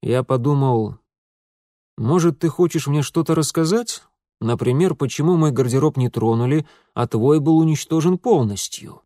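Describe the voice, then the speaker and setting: A man voicing a proud, touchy young nobleman who is quick to anger, talking in a cold, biting way. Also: on the high side, warm tone, no room sound, clean studio sound, close to an everyday voice. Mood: needling.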